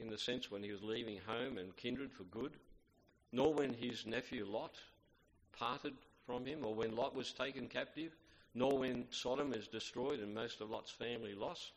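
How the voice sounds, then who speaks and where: A man preaches a sermon, reading scripture aloud in a measured, reverent way. His voice sits at a middle pitch. It rings out with the long reverb of a big hall. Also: a little hiss or hum. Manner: measured, reverent, with fillers and restarts.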